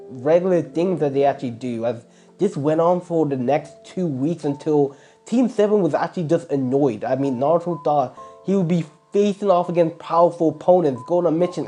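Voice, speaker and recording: Mellow-voiced man rambling through a fan story. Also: on the high side. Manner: rambling, heavy filler words and restarts. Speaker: fan fiction narrator. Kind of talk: casual improvised story narration.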